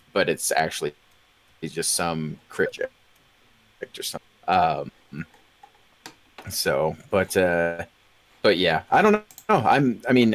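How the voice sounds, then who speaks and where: A man talking as a guest in a casual stream chat, rambling with many restarts. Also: lowish voice.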